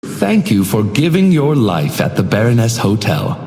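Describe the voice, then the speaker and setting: A man's voice: mid-range voice, very animated, a little mellow. A sinister theatrical hotel doorman in cavernous reverb. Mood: courteous menace. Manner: theatrical, condescending, mock-courteous, deliberate. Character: sinister theatrical supernatural hotel doorman, silky, taunting, menacing. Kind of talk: scripted video game character voice lines. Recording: echoey hall reverb with music behind.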